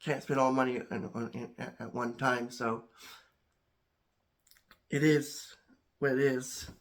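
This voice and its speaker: Speaking casually to camera, a man who runs a home chemistry channel has a medium-pitched voice with a flat delivery and a slightly congested sound. His speech is halting, full of restarts and repeated words.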